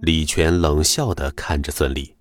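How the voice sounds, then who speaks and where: A man narrating a web novel audiobook in an expressive storytelling manner. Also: a bass voice, normal speed, soft background music.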